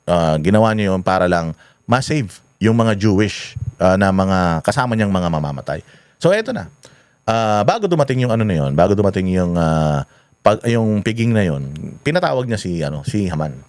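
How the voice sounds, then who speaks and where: Animated man telling a story, laughing. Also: deep voice, moderate pace, no room sound. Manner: animated, laughing, full of fillers. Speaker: host. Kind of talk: casual storytelling commentary.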